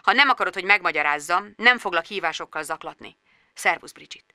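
A woman doing a quiet, hurt grown man. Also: lowish voice, animated, dry recording, clean studio sound, full character voice. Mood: hushed. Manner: quiet, subdued delivery. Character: soft-spoken grown man, hurt and defensive.

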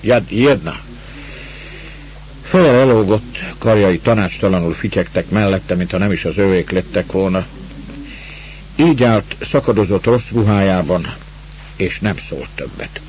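A low-voiced man reads a story in a steady, unhurried narrating tone. The recording sounds dull and lo-fi, and a faint hiss runs beneath it. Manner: measured, calm storytelling. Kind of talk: storytelling reading.

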